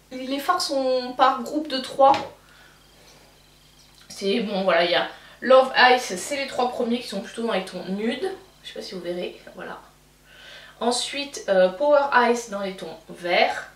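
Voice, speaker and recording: Speaking slowly and pausing often, a young Frenchwoman with a self-described accent unboxes and reviews a beauty box in a casual, chatty way with plenty of fillers and false starts. Her voice is on the high side, and the mic sits far off in an echoey room.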